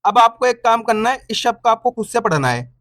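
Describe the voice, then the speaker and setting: A man teaching reading online, sounding out syllables slowly, repeating each word and encouraging viewers as friends. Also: extremely high pitch, big pitch swings, fairly bright tone, dry recording, studio quality.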